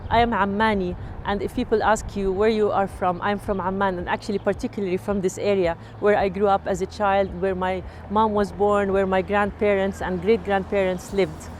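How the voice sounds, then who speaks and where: A woman's voice: mid-range voice, flat delivery, moderate pace, few pauses, darkish tone, a little hiss or hum. A woman from Jordan giving a walking tour of her home city outdoors, talking with many fillers and restarts. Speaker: heritage documenter and guide.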